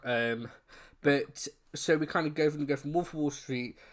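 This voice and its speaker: A man's voice: on the high side, normal speed. A man co-hosting a casual film discussion in a chatty, informal way, with slightly unclear R sounds. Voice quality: trouble pronouncing his R's. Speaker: co-host of a film review show.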